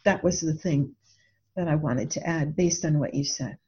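In a reflective discussion, a radio co-host and author muses aloud, putting questions to her listener at a normal speed. Her voice is rather husky and mellow at a middling pitch, heard on a slightly dull recording.

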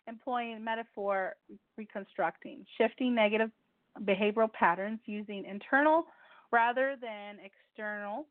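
Heard on a dry, tinny phone line, a woman of medium pitch hosts casual call-in radio. She's a native Spanish speaker with a chatty manner who restates details and stumbles over her speech.

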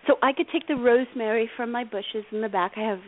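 A woman's voice: fairly high pitch, fast talker. A woman hosting a casual radio chat, talking in an eager, enthusiastic way. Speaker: host. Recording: phone-like call-in audio.

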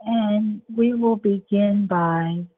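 A woman leading a guided relaxation meditation in a soothing, measured way, with long pauses between short phrases. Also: medium pitch. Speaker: show host and guided imagery facilitator. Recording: dull lo-fi sound with faint background noise.

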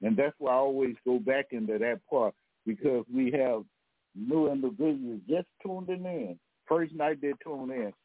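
A man hosting a history talk podcast, lecturing in a rambling, halting way with many fillers and restarts, heard over a phone line. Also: mid-range voice, dry recording. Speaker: podcast host. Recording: tinny phone line, dry.

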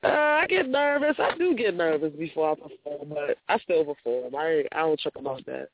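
A man's voice: fairly high pitch, animated, brisk, slight background noise. Sick man with muffled underwater call audio. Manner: slangy, laid-back, laughs often. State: sick and congested. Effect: muffled, underwater-sounding call audio. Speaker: call-in co-host and performer. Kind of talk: casual chat. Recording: tinny phone-like line.

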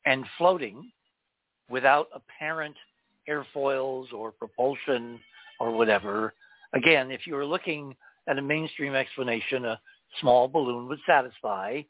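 A man with a fairly high-pitched voice hosts a talk radio show. He phrases things in a measured, emphatic way. The sound is dry and a little dull. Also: no echo. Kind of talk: talk radio hosting, guest introduction.

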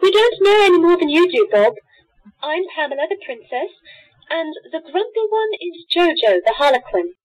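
A woman acting in a radio play as a kindly but anxious princess doll who scolds gently. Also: very high-pitched, sing-song, normal speed. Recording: thin phone-like sound.

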